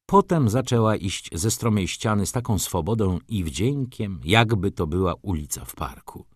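Male audiobook narrator, very deep voice, expressive and lively in pitch, dry close recording. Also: moderate pace, breathy edge, dry recording. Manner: expressive literary reading. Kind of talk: scripted narration.

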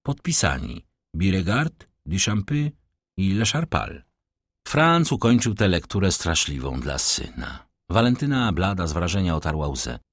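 A male audiobook narrator reads a classic novel in a measured, dramatic way. His voice is low and husky. The recording is dry and close to the mic. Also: big pitch swings, no room sound.

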